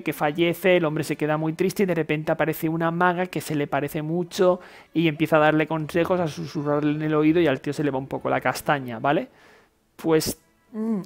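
Creaky-voiced Castilian Spanish man commenting on games. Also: fairly high pitch. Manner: colloquial, informal, thinking aloud. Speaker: video game player and commentator. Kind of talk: casual gameplay commentary. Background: game music.

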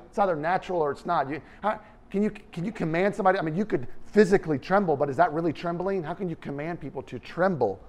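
Animated middle-aged male preacher. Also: fairly high pitch. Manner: animated, gesturing, swings from loud emphasis to quiet asides. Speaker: pastor. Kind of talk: sermon. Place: church hall with stage.

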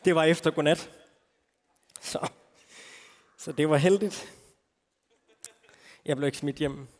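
A man with a high voice tells a personal faith story as a sermon, informal and self-mocking, full of fillers. He speaks from a festival stage, and his voice rings with a long hall reverb. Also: steady tone, a little mellow. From Denmark.

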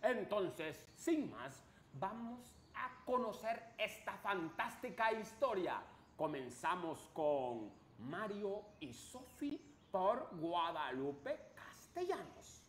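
A man's voice: sits high, sing-song, takes it slowly, echoey room, slight background noise, full character voice. A middle-aged man playing a cheerful, childlike clown host of a kids show, speaking in an exaggerated, wide-eyed, theatrical way. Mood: cheerful, welcoming. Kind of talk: kids show host, animated story reading.

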